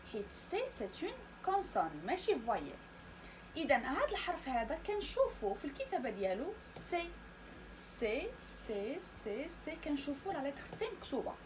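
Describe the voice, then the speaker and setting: A woman with a Moroccan Arabic accent teaches French pronunciation, drawing out each letter and sound and repeating example words slowly. Her voice sits high and moves lively up and down. A faint hiss sits under the recording. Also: poor audio. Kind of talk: recorded language lesson.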